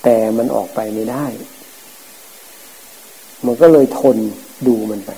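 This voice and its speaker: Male monk, middle-aged, dharma talk, gravelly, very dark husky voice, hissy recording. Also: medium pitch, slow pace. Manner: calm, plain-spoken, musing. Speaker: Buddhist forest monk teacher. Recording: hissy, noisy old recording.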